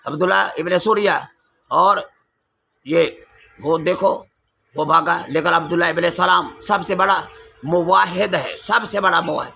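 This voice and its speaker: A man's voice: high-pitched, gravelly, pushed and bright, breathy edge. A man from Pakistan teaching Quran commentary, explaining Arabic pronunciation, reciting verses and dropping English words into his talk. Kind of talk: Quran commentary lesson ending in prayer.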